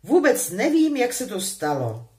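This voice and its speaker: A woman's voice: a little high, huge pitch swings, a little mellow, voice pushed up. A woman voicing a frustrated, defensive teenage boy wizard in a storybook reading, speaking up with insistence. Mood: exasperated.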